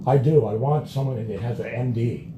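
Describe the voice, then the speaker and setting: A man's voice: medium pitch, moderate pace, dull audio, noisy background. A man livestreaming from a hospital room on his phone, talking in a belligerent, profane way. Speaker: patient livestreaming from a hospital bed. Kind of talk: ranting livestream monologue. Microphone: phone held by the speaker.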